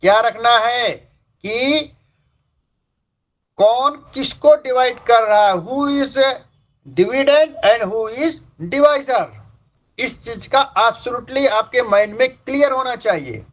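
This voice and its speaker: This math teacher's voice is very high-pitched and slow as he lectures a class on fractions. He breaks the material into steps and repeats what matters most. The recording sounds dull and lo-fi.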